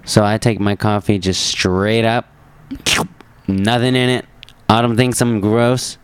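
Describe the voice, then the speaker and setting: A man's voice: on the low side, flat delivery, unhurried, clean tone, no echo. A man hosting a podcast in casual chat, joking and rambling, correcting himself, with a cough. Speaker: podcast host.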